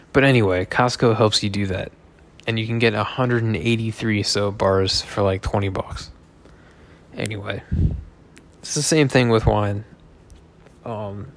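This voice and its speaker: A man in his thirties, a little drunk, rambling through a loose, joking monologue full of swearing. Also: fairly low pitch. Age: 30s. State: tipsy.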